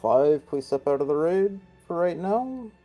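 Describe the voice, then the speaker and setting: Man, raid leader, brisk halting directions, mellow voice, casual voice chat. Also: fairly high pitch, animated, faint music behind. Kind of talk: giving instructions on voice chat.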